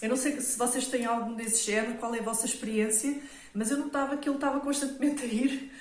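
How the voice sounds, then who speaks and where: A woman's voice: on the high side, steady tone, fast. A woman with a European Portuguese accent who talks casually to her viewers and often checks in with them while showing household products. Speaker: home organisation vlogger. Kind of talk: casual product talk to camera. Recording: roomy echo, mic at a distance, faint noise.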